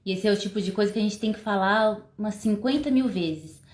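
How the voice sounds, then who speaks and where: A woman's voice: mid-range voice, a little fast, darkish tone, echoey room. A woman co-hosting a parenting talk, speaking conversationally with frequent tag questions. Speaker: parenting show co-host, mother. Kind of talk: casual couple conversation.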